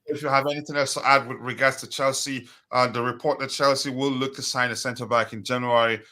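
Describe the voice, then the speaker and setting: A man hosting a casual live football fan stream in a halting, repetitive way, his voice slightly strained as if he is losing it. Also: medium pitch, steady tone, sharp tone.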